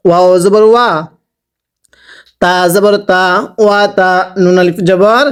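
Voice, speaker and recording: A man teaching Quran reading, spelling out each letter and vowel mark slowly, then asking the listener to repeat after him. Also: high-pitched, fairly even intonation, clear, resonant tone. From Bangladesh. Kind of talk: slow spelling-out recitation lesson.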